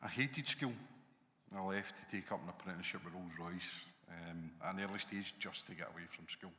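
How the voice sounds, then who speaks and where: Speaking as an educator on a conference panel, a middle-aged man in his 40s or 50s with a Glaswegian accent talks in a low-pitched, brisk, bright and forceful voice. He's on stage in a large hall, and the recording carries the hall's reverberation.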